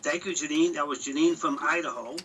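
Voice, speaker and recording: A man hosting a radio call-in show in a halting, deliberate way. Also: on the high side, pushed and bright. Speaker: radio host. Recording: distant, noisy, harsh radio sound.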